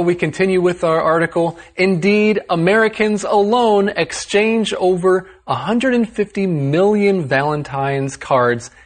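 A man hosting an English lesson, explaining words with a clear, upbeat teacher delivery. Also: fairly high pitch. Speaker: host. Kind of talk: explaining vocabulary to learners.

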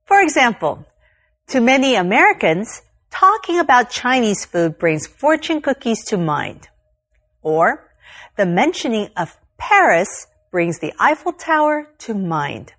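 Woman, grammar tip presenter, lively up-and-down pitch, slow careful delivery. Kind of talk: scripted grammar lesson.

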